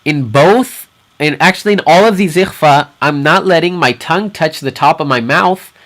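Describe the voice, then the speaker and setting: Patient man teaching recitation slowly. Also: a little high, fairly bright tone. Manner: patient, repeats sounds slowly for students. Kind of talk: explanatory lesson.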